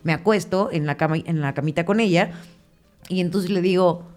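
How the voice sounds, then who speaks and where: A woman's voice: lowish voice, a little fast, faint music behind. A young woman with a Mexican Spanish accent, co-hosting a casual podcast chat and telling stories with lots of slang and laughter. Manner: animated storytelling with slang and laughter. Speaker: podcast co-host.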